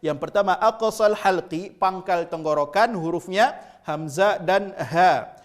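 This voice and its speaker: A man's voice: high voice, unhurried. A man teaching Arabic letter pronunciation, patiently drilling syllables aloud and repeating each sound. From Indonesia. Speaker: Quran recitation teacher.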